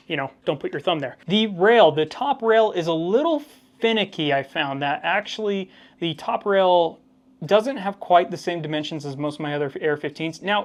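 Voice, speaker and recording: A man with a slightly high voice talks as a casual reviewer speaking to viewers. He is critical yet measured, explaining drawbacks conversationally and leaning on key words. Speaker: firearm reviewer, host.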